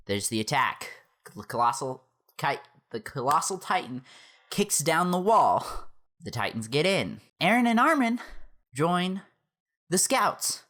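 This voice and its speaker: Exasperated young woman ranting on camera. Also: on the low side. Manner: exasperated, yelling and laughing between calmer stretches. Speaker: YouTube reviewer. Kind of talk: ranting movie review vlog. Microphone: camera mic, facing the camera.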